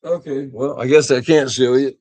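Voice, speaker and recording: A man's voice: mid-range voice, fairly even intonation, normal speed, darkish tone, no echo. An older man, chatting casually on a livestream and telling rambling stories with chuckles. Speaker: vlogger.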